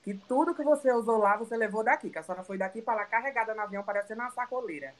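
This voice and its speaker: Fast-talking teasing woman co-host. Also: a little high. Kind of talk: casual interview chat.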